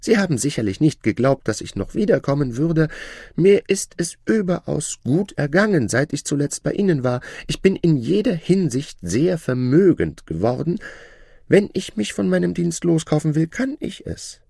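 A man voicing a boastful shadow who has become a rich gentleman, speaking in a smug, showy, raised voice. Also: big pitch swings, moderate pace, gravelly, slightly rough, dry recording, clean studio sound, full character voice. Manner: smug and showy, high-pitched put-on voice.

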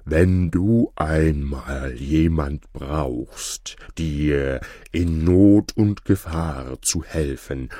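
A man voicing a large, calm red ox in a deep, very slow, drawn-out voice for a fairy tale. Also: dry recording, studio quality, exaggerated voice.

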